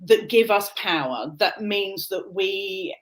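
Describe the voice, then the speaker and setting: Speaking slowly and with animation at medium pitch, a coach from Britain answers an interviewer over a video link. As a neurodiversity specialist, she explains her points earnestly, with many restarts.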